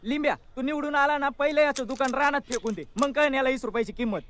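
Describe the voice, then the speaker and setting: A scolding villager, fast, high-pitched delivery. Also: male voice. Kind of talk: film acting.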